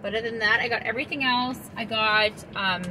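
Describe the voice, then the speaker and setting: A woman's voice: a little high, fairly even intonation, brisk. A woman in her thirties chatting to a dashboard camera while driving, rambling with many ums and restarts. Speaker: homesteading vlogger. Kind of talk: casual vlog talk to camera. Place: inside a car driving on country roads. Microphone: camera clipped on the dashboard. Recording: loud road and engine noise.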